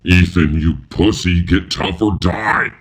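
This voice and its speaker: A terrifying fire-filled monster snarls harsh orders. The growl sits extremely low and drags slowly, sounding inhuman. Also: male voice, breathy edge, exaggerated voice. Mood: snarling commands. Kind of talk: audiobook narration.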